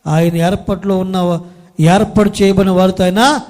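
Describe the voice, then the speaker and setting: High-voiced man preaching in an echoey hall. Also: moderate pace. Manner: animated preaching, calls Praise the Lord and hallelujah to the congregation; acts out quoted spouses in everyday scenes. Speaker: pastor. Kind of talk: Sunday sermon. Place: church hall. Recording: echoey church hall, long reverb.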